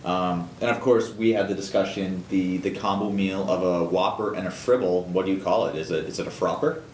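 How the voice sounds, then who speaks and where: A man's voice: steady tone, brisk, a little mellow. A man co-hosting a small business news show, talking casually with many fillers and restarts. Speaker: co-host. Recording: echoey room with faint rumble.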